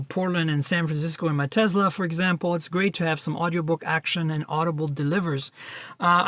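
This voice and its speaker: Running through plugs in a chatty, upbeat manner, a man hosts a casual tech podcast. His voice is high-pitched, and the sound has no echo.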